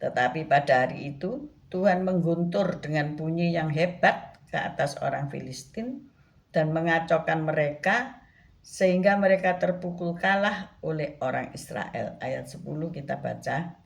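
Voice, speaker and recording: A woman pastor giving a devotional Bible teaching, speaking gently and often adding a soft "ya". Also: low-pitched, animated, vocal fry. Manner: slow, gentle, frequent tag "ya".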